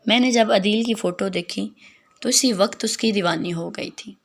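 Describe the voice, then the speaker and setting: A woman's voice: mid-range voice, vocal fry. A woman narrating a dramatic story in the first person, in a plain, earnest way.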